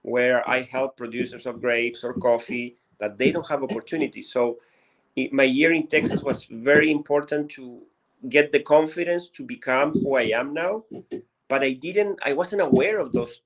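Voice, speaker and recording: A man with a Chilean Spanish accent, a native Spanish speaker, sharing his life story as an interview guest. His manner is sincere and unhurried, and he sometimes pauses to search for the right English words. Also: mid-range voice, rough recording.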